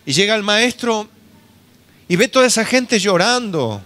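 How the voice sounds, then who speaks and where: Argentine pastor guy, earnest sermon, slightly high voice, keeps saying hermano. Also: very animated, unhurried, pushed and bright. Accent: Argentine Spanish. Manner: earnest, addresses listeners as brother.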